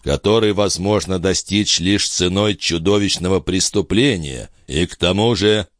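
A man voicing a loyal, humble male disciple who speaks in a low, subdued, respectful tone. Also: measured pace, dry recording, studio quality. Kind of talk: audiobook character voice.

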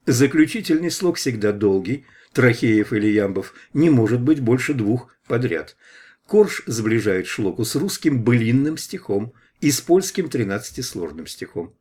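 A man reading a scholarly preface aloud as an audiobook, at a measured pace. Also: mid-range voice, sing-song, darkish tone, husky. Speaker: audiobook reader.

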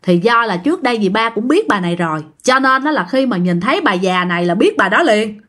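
A chatty Southern Vietnamese woman narrates a ghost story casually, speaking directly to her listeners. Her medium-pitched voice is a bit bright, a little fast, and lively in intonation.

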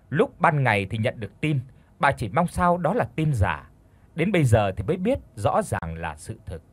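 A man narrating an audiobook story in an expressive storytelling read. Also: medium pitch, slightly rough. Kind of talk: scripted narration.

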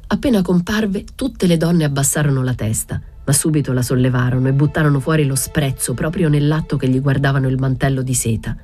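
A woman reading a literary novel aloud in a measured way, raising her pitch for the village women's voices. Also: dark tone, soft background music. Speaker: reader.

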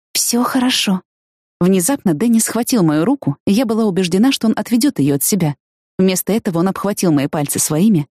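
A woman reading a first-person novel aloud, expressive and lifting her voice for lively quotes. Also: fairly low pitch, dry recording, clean studio sound. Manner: expressive, lifts voice for excited quotes. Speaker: audiobook narrator.

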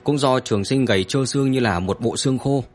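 A man narrating a story in an expressive, dramatic scripted reading. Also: medium pitch, fairly quick, faint music behind.

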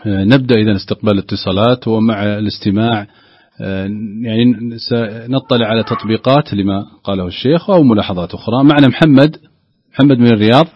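A man hosting a call-in program, handing over briskly to the teacher and the callers. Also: lowish voice, slightly rough, dry recording, lo-fi sound. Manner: brisk, quick handoffs to guest and callers. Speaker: host taking callers.

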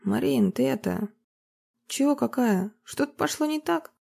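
Woman putting on a grumbling male musician, blunt, soft-spoken, mellow, husky. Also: high-pitched, lively intonation, measured pace, pitched above the performer's own voice, full character voice. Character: Karlusha, gruff grumbling male saxophonist.

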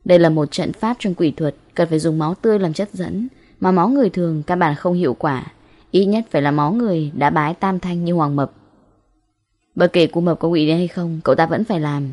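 Low-pitched woman, late-night radio storytelling host. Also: fairly quick, a little mellow, dry recording. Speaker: narrator and host of a ghost story channel. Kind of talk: scripted audiobook narration.

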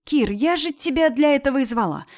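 A woman's voice: high-pitched, animated, brisk, a little mellow, voice pushed up. A woman reading an audiobook, voicing a bold young woman who talks with sarcasm and indignant emphasis. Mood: wry. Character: bold, sharp-tongued young woman friend. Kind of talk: audiobook character voice.

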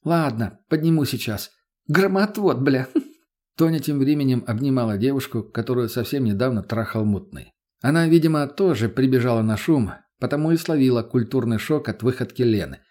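A man's voice: medium pitch, fairly quick, warm tone. A man narrating an audiobook in the first person, in a blunt, crude, matter-of-fact manner. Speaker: audiobook reader.

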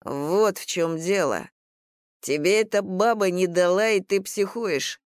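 A reader playing a slow, sarcastic man. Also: mid-range voice, no echo, clean studio sound, natural voice. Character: cocky man, sarcastic and touchy.

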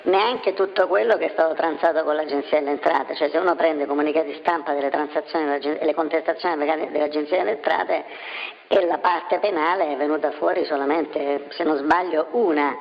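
Anonymous male source, voice masked by a deep pitch shift, gravelly texture, halting speech full of fillers, dull lo-fi sound. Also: fairly even intonation. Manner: hesitant, many fillers and restarts. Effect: voice disguised, pitch-shifted deep. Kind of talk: interview answers. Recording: dull lo-fi with faint noise.

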